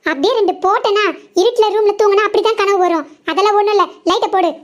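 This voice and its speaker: A woman voicing a sharp-tongued mother who nags and scolds her schoolgirl daughter. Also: extremely high pitch. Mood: scolding. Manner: nagging, quick rebukes.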